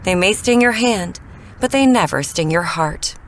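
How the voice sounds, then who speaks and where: A woman's voice: lowish voice, expressive, a little slow, slight background noise. An actress playing an earnest, lovelorn female scientist in a melodramatic 1950s sci-fi parody. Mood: heartbroken.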